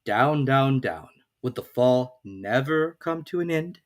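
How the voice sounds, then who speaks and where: A narrator reading a classic children's story aloud in an expressive storytelling style. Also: medium pitch, takes it slowly. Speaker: audiobook narrator.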